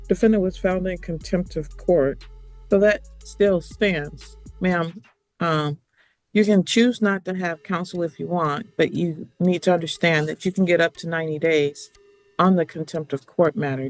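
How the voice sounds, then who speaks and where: A judge speaking in a measured, matter-of-fact way during a court hearing. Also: mid-range voice, fairly even intonation, no room sound, soft background music.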